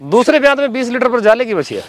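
A man, a cattle farmer, answering questions outdoors with quick, agreeable replies. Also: very high-pitched, very animated. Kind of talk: casual interview answers.

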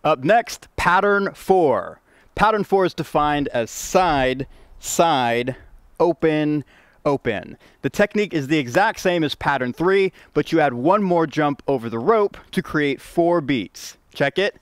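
A young man coaching jump rope rhythms, upbeat and playful, counting beats out loud as he demonstrates. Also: on the high side, expressive, unhurried, clean tone, no echo, studio quality. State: out of breath at times. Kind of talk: instructional video demo.

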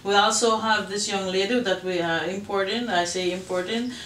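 A woman's voice: medium pitch, fairly even intonation, moderate pace, fairly bright tone, slight background noise. A middle-aged woman chatting casually as a festival organizer, rambling with many fillers. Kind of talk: casual chat. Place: dining room at home. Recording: roomy audio from far off.

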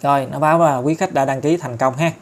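A man with a Southern Vietnamese accent talking viewers through an app tutorial step by step, chatty and filling pauses often. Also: medium pitch, fairly even intonation. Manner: chatty, step-by-step, many fillers and tag particles. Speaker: tutorial host. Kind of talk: screen-recorded app tutorial.

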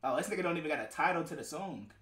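Young man, high animated voice, echoey room. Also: rapid-fire, a loud crowd. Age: young adult. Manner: animated, profane, slangy. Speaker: host of music reaction stream. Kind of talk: casual reaction commentary. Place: bedroom, indoors.

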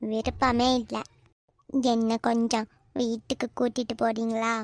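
A woman voicing a sulky, sharp-tongued young village girl in a cartoon, with a Kanyakumari Tamil accent. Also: a little high, flat delivery, unhurried, dry recording, studio quality. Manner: sulky, curt, snapping retorts. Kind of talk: cartoon voice acting.

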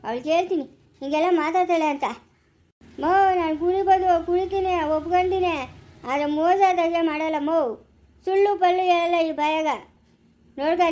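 Here a woman voices a cantankerous villager, full of indignation, who scolds and rants with a rural Chikkaballapura Kannada accent. The pitch is very high with a somewhat dark color, and the lines arrive in defensive, repeating bursts like a family skit.

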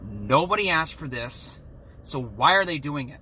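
A man's voice: on the high side, big pitch swings, a little slow, sharp tone, slight background noise. A man vlogging an angry, heated rant, talking in an exasperated way.

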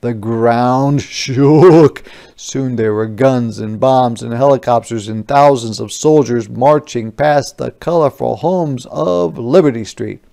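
A male teacher doing an expressive read-aloud for young children, pausing to ask questions. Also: medium pitch, vocal fry.

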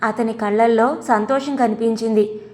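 A woman reading a comic audio story aloud in the first person, expressive and scripted. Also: on the high side, normal speed, big-room sound. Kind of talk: scripted comedy story narration.

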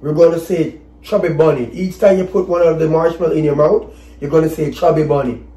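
A woman's voice: sits low, fairly even intonation, a little fast, dark tone. A woman casually explaining a challenge to the camera as host. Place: home kitchen. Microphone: camera across a table. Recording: echoey room.

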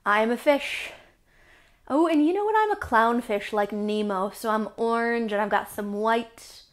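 A woman teaching yoga to young children, playful and silly, with sudden high exclamations. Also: moderate pace. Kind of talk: guided kids' yoga lesson.

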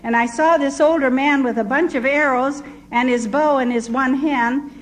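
An older woman giving a personal testimony, telling stories and voicing the people she met with lively quotes. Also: high voice, normal speed, poor audio. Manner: storytelling, quoting villagers in lively voices. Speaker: missionary speaker.

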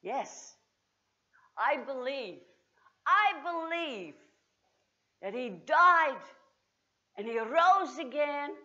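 A woman performing a dramatic first-person monologue as Mary Magdalene, moving between hushed and exultant, recorded in a church. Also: sits high, muffled recording. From Australia. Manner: theatrical, swings from hushed to exultant. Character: Mary Magdalene, grieving then joyful woman.

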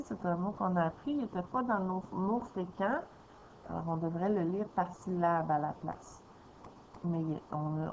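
A woman teacher leading a slow, patient reading lesson for young children, sounding out syllables. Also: on the low side, darkish tone, a little hiss or hum. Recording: slightly dull lo-fi recording.

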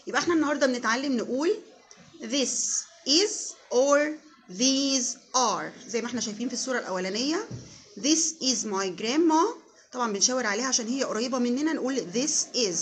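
A young woman teacher with an Egyptian Arabic accent leads a children's English lesson, saying each word slowly and repeating it. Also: fairly high pitch, slight background noise. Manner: slow, deliberate English drills with repeated words, quick Arabic explanations. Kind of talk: classroom lesson with call-and-repeat drills.

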